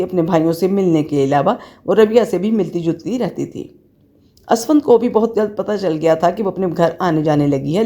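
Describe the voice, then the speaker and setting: Woman narrator, audiobook novel reading, low pitch, mellow tone, steady delivery.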